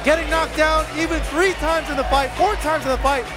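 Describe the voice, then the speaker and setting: A man calling a live fight play-by-play, loud and excited, often raising his voice to a shout. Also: very high voice, brisk. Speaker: play-by-play boxing commentator. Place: live boxing event in Tijuana. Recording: live broadcast over crowd and music.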